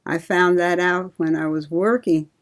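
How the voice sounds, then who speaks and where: An older woman from Ohio, a retired nurse, reminiscing slowly and laughing often in an oral history interview. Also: lowish voice, steady tone. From Cincinnati, Ohio.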